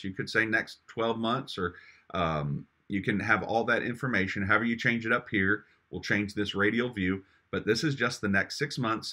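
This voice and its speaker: A middle-aged man, a pastor, enthusiastically demonstrating sermon-planning software in a screen recording, with casual ums and restarts. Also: on the low side. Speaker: pastor giving a software tutorial.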